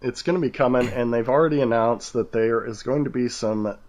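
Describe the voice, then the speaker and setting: A man's voice: mid-range voice, brisk, darkish tone. A young man hosts a casual gaming podcast in an everyday mid-range voice. He keeps things light, throwing in jokes and teasing asides. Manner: jokey, teasing. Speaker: podcast host.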